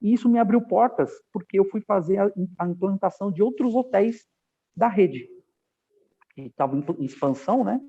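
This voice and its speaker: A fairly high-pitched man with a husky, gravelly edge, from Brazil, telling stories in a lively, animated way and playing the voices of the people he quotes. The sound is narrow and thin, like a phone call. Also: moderate pace. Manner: animated storyteller, acts out quoted dialogue. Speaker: podcast guest, aviation professional. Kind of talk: casual interview storytelling. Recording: tinny phone-like line.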